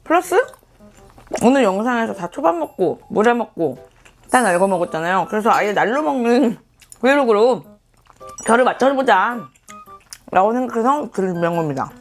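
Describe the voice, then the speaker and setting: A woman's voice: on the high side, animated, normal speed, pauses often. A woman chats casually to viewers as a mukbang vlogger, with playful, self-mocking asides. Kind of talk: casual chat to viewers while eating. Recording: background music under the voice. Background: music.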